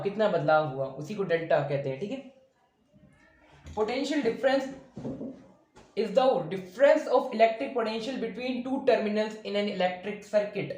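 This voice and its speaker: A man's voice: high-pitched, a little mellow. Man teaching at a board, echoey room. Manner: asks the class questions and answers them himself; repeats and rephrases each point patiently. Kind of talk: blackboard science lesson. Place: room with a board he writes on and erases.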